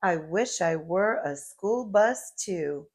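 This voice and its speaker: A woman's voice: lowish voice, lively intonation, slow, darkish tone. A woman voicing a small, eager, helpful boy truck from a storybook, beeping and encouraging. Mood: wistful.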